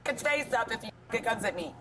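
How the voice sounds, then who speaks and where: A woman's voice: fairly high pitch, animated, fast, a crowd in the background. An agitated woman talking to police outside a house, profane and rambling, picked up by a police body camera. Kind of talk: agitated body cam conversation. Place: outdoors at a house. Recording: noisy body cam audio.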